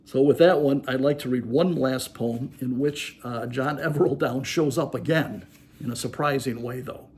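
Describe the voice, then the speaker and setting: A man casually talking about poems in a reflective, musing way with fillers, then reading verse aloud slowly and deliberately. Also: mid-range voice, a little mellow. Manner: slow, measured reciting of verse. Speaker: poetry reader and commentator. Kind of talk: casual commentary with poetry readings.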